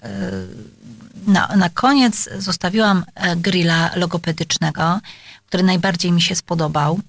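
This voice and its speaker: Hesitant woman with a gravelly low voice. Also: fairly even intonation, measured pace, no echo. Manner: hesitant, many filler sounds, addresses listeners politely. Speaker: speech therapist. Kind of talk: explaining exercises to parents.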